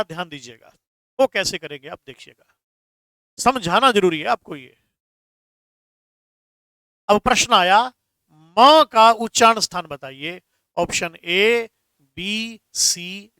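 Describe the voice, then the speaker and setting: A man's voice: high-pitched, bright, forceful tone, clean tone, no echo, studio quality. A man teaching a Hindi grammar class online, stressing key words and answering viewers' comments.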